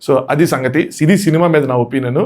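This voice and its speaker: A man with a voice hoarse from shouting gives a casual, excited, rambling movie review and repeats his points. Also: on the high side, fast talker.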